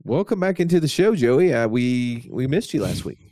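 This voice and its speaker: A man hosting a podcast, welcoming his co-host and introducing the episode in a relaxed, steady way. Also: medium pitch, moderate pace, soft background music. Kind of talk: casual chat.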